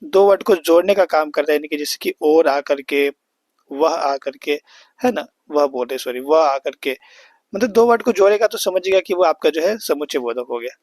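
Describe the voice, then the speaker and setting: High-voiced tutor explaining step by step. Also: male voice, lively intonation, normal speed, darkish tone, no echo. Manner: explains step by step, repeats and checks with "है ना". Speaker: teacher. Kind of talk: exam-prep grammar lesson.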